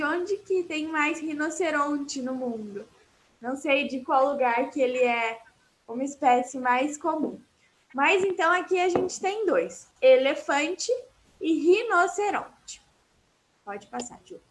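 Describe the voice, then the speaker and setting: A woman's voice: high voice, fairly bright tone. A woman with a Brazilian accent teaching Portuguese vocabulary in an online class, explaining patiently and repeating words for her students.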